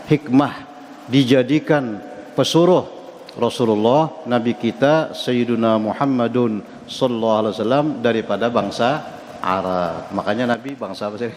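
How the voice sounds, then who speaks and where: A man's voice: medium pitch, a little mellow. A Banjar-accented man teaching a mosque study circle, talking in a loose conversational way, quizzing his listeners and chuckling now and then. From South Kalimantan, Indonesia. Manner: conversational, asks the audience questions and chuckles. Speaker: religious teacher. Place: mosque hall. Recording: echoey hall recording with faint background noise.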